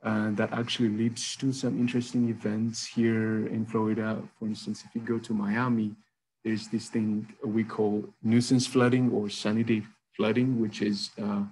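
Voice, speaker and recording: A man's voice: moderate pace, slightly rough, low-quality recording. A young man from Ethiopia giving a video-call lecture as a guest presenter, with many hesitant "uh"s. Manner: many filler "uh"s, low flat delivery. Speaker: guest presenter, graduate student.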